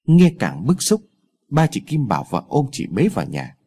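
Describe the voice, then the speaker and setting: A man narrates a ghost story with a dramatic, expressive delivery. His voice is warm and husky, and his pitch moves in lively swoops. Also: normal speed.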